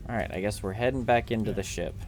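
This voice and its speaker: A man's voice: fairly low pitch, fast talker, background noise. A man hosting a let's play of a video game, chatty and self-mocking, laughing often as he plays. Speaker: gaming channel host.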